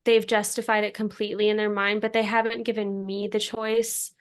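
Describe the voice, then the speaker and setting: Animated young woman podcast co-host. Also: medium pitch, brisk. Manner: animated, laughs mid-sentence, asks hypotheticals. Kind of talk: casual chat.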